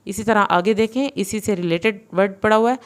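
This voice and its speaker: A woman with a medium-pitched, clean-toned voice leads a recorded Quran reading lesson. Slow spelling of syllables and blending alternates with faster, plain rule explanations.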